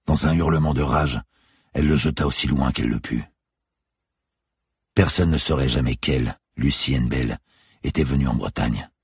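A man narrating a thriller audiobook in a measured, somber way. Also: rumbling low, slightly rough, no room sound, clean studio sound.

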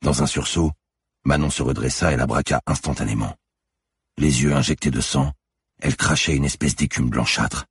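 A man reads a thriller in a tense, measured voice. His tone sits extremely low, full of fry and deeply husky, and the recording is close and completely dry. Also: no room sound. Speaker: audiobook narrator. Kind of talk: scripted thriller narration.

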